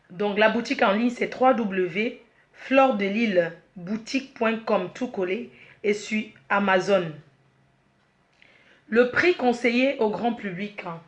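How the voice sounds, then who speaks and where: A woman, the head of her company, presenting a product launch slowly, repeating herself, restarting, and apologizing while she is emotional and choked up. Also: medium pitch. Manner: slow, repetitive, with frequent restarts and apologies.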